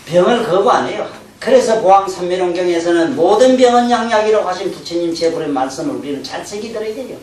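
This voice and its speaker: A Buddhist teacher gives a colloquial, animated sermon, often acting out everyday talk and laughing. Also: mid-range voice, fast, few pauses. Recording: roomy hall from a distant mic, faint hum.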